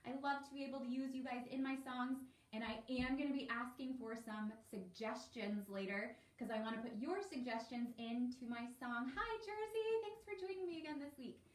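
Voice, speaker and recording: This woman's voice sits high and keeps a moderate pace as she teaches young kids an elementary music lesson from home by livestream. She speaks to them encouragingly in a sing-song manner, and the audio is roomy and distant with a faint hiss behind it.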